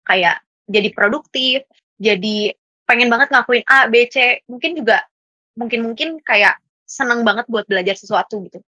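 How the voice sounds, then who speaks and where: Casting: young woman, podcast guest, bright crisp tone, dry close sound, chatty and quick to laugh. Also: on the high side, dry recording, highs cut off. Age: young adult. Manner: chatty, laughs often, mixes in English words. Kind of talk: casual podcast discussion.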